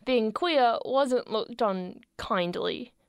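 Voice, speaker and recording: A young Australian woman co-hosting a radio show in a studio, chatting casually with a playful, sarcastic humour and quick laughs. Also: on the high side, lively intonation, clear, resonant tone, dry recording. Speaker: radio co-host.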